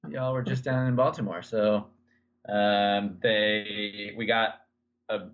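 Podcast co-host, man, lowish voice, easygoing storyteller, slightly muffled sound. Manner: relaxed storytelling with many fillers. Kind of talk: casual podcast chat.

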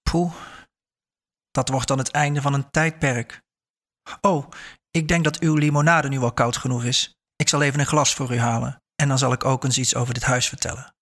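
A man reading a story aloud and voicing a sharp, proud old woman who owns a house, curt and shrill when angered. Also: flat delivery, normal speed. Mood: reminiscing.

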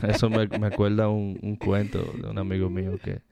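A man's voice: lowish voice, little pitch movement, fairly quick, creaky, warm tone, no room sound. A man with a Dominican accent chatting casually in colloquial, slangy speech, often repeating words as he goes. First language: Spanish. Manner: colloquial slang, stop-and-start repetitions. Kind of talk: casual chat and anecdotes.

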